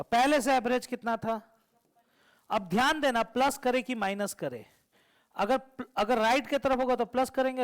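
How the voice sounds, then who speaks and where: Guy teaching math to a class, highish voice, keeps quizzing and teasing the kids. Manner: teasing, asks the class repeated questions. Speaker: coaching teacher. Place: classroom with students.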